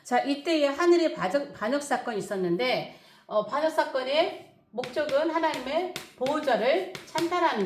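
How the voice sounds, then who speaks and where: A middle-aged woman pastor gives a Bible lesson in a fairly high voice. She preaches with emphasis, repeats key words and fills pauses with short hesitations. The sound rings around an echoey room. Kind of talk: recorded Bible teaching.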